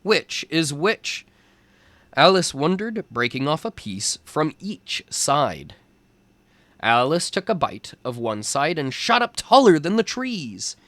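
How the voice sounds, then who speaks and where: A man tells a storybook tale to young children expressively, lingering on each phrase at a slow pace. His slightly high voice has lively, swooping intonation, and the sound is close and dry with no room sound.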